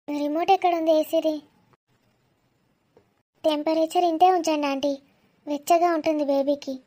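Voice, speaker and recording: A woman's voice: high-pitched, warm tone, natural voice. A woman playing a polite, fussy young woman who patiently gives instructions and corrects others. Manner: polite, instructing, slightly exasperated. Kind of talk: comedy skit acting.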